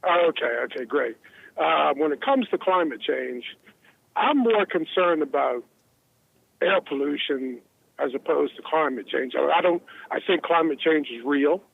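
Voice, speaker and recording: A man's voice: on the high side, animated, measured pace, vocal fry, slightly rough. A man calling in to a talk show from his car over a Bluetooth phone line, earnest and rambling, repeating words as he goes. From New Jersey. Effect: car Bluetooth phone call. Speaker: caller.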